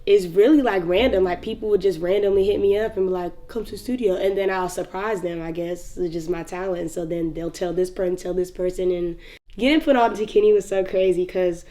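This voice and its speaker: A woman's voice: lowish voice, fairly even intonation, a little fast, warm tone. A young woman from North Carolina with a Southern accent, a rapper telling stories in an interview, laid-back and laughing often, with lots of "like". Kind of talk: casual interview storytelling.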